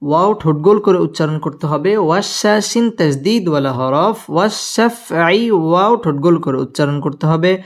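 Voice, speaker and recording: A man teaching Quran recitation with tajweed, spelling out each verse and then chanting it slowly and melodically between brisk explanations. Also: a little high, expressive. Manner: slow drawn-out melodic recitation alternating with quick spoken explanations.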